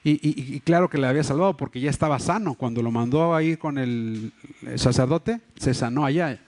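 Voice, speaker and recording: Over a livestream microphone in a church hall, a pastor with a Mexico City Spanish accent preaches. His medium-pitched voice is a little mellow and a little fast. He earnestly explains his points with lots of fillers and restarts.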